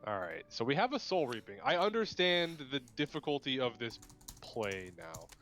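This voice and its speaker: Excitable young male card game caster. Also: mid-range voice, normal speed. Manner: excitable, chatty play-by-play, laughs often. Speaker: co-commentator.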